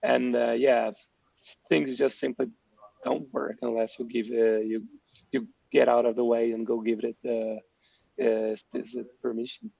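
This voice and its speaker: A man taking part in an online meeting call, speaking haltingly, heard through dull lo-fi call audio. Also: medium pitch, flat delivery, gravelly, warm tone, no echo. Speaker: meeting participant. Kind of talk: casual technical meeting talk.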